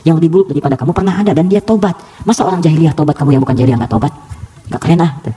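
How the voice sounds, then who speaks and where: Rapid, animated preacher man. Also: on the high side, crowd noise. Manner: animated, rhetorical questions, acts out quotes. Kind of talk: lively sermon to a live audience.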